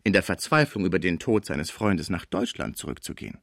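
A man voicing a scheming, fawning older female portress in an audiobook, flattering and pushy. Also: low-pitched, fairly quick, vocal fry, no echo, studio quality. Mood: wheedling. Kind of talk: audiobook character voice.

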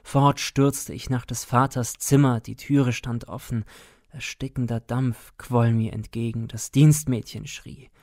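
A man narrating a classic tale with solemn, dramatic weight. He reads slowly and deliberately, recorded close on a dry microphone. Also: mid-range voice, level tone, a little mellow, dry recording. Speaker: audiobook reader.

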